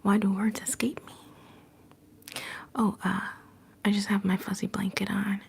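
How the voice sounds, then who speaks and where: A woman hosting a whispered ASMR livestream from home. She drifts between a soft whisper and a soft-spoken voice, gently greeting chat viewers into a phone set a little way off. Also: medium pitch, flat delivery, unhurried, gravelly, a little hiss or hum. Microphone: phone set some distance away.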